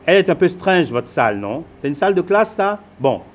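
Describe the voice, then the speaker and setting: An actor playing a boastful, hurried Beninese husband with a Beninese French accent who drops English words into his French. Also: a little high, sing-song. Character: flashy busy Beninese husband, phone-obsessed, self-assured. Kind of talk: theatrical monologue.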